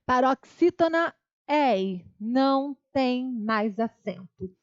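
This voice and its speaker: Brazilian woman, higher voice, patient grammar teacher repeating key terms, slightly dull lo-fi lecture audio. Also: expressive, slow. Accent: Brazilian Portuguese. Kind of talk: online exam-prep lecture.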